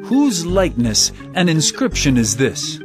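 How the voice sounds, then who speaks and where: An actor playing Jesus as an authoritative teacher in a dramatized scripture production, speaking emphatically. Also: male voice, fairly high pitch, huge pitch swings, a little slow, music in the background. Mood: challenging. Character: Jesus, an authoritative male teacher telling parables.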